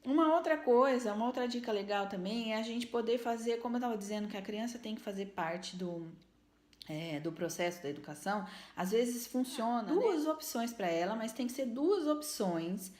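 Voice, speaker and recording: A woman talks parents through advice in a casual, earnest way. Her voice sits a bit high, and the room adds a noticeable echo. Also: animated, moderate pace, darkish tone. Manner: earnest and explanatory, many tag questions. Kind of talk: casual advice talk to camera.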